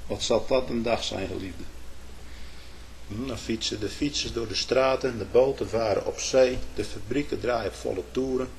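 A man preaching a sermon in old biblical phrasing, swinging from hushed asides to loud proclamations with frequent "hè". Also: mid-range voice, a little hiss or hum.

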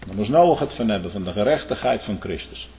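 A man preaching a sermon, swinging between loud high outbursts and quiet low asides, often ending lines with a questioning "hm?" and speaking straight to the congregation and its young people. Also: lively intonation, a little fast, slight background noise. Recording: long reverb of a large hall.

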